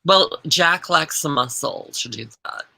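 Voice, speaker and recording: A man's voice: on the high side, expressive, measured pace, gravelly, bright, forceful tone, no echo. A man co-hosting a podcast, throwing in wry quips. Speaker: podcast co-host. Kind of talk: casual chat.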